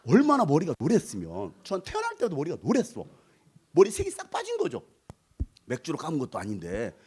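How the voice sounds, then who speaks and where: A man's voice: a little high, brisk, breathy edge. A middle-aged Korean pastor from North Jeolla telling his childhood story in a playful revival sermon and joking with the congregation. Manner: animated and playful, sings snatches of song and acts out voices; jokes with the congregation and asks them to raise hands. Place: church sanctuary.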